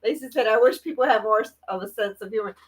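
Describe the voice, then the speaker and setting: A woman co-hosting a casual chat, animated and teasing, who laughs often. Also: fairly high pitch, fast talker, husky, poor audio. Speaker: co-host.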